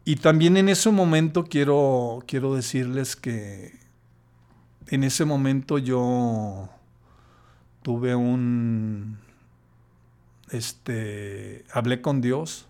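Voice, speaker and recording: A man's voice: mid-range voice, extremely slow, pauses often, mellow. An older man, a podcast guest telling a personal story in a hesitant way, with many restarts.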